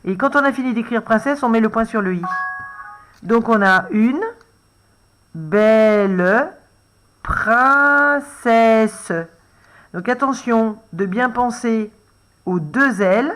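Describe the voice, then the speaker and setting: A French woman teaching a first-grade class, gently dictating a sentence and explaining each letter. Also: a little high. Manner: gentle, explains letter by letter, reminds to pause the video. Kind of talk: slow, patient dictation lesson for young children.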